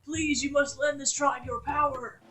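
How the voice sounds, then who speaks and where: Old rock-tribe elder, creaky and gentle, slow delivery, a streamer putting it on. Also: sits high, flat delivery, voice pushed up. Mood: earnest. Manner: slow, soft old man voice. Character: old male rock-folk elder, kindly, creaky back. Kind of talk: reading game dialogue aloud.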